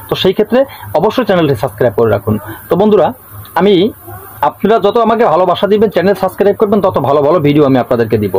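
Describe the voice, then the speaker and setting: A man with a Bengali accent hosting his channel, explaining a ritual to viewers in a repetitive, drawn-out way. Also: on the high side, a little mellow, poor audio. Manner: repetitive, draws out words slowly when reciting. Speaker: channel host teaching folk rituals. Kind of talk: casual instructional talk to viewers.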